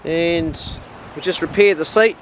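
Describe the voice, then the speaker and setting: A man's voice: on the high side, measured pace, a little hiss or hum, rough recording. A man with a broad New Zealand accent, chatting casually to camera as a vlog host in a laid-back, slangy, blokey way.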